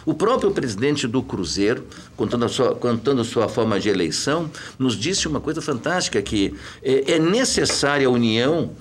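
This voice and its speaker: Brief: man, club-director type, animated and emphatic, middle pitch. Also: a little hiss or hum. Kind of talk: talk show debate.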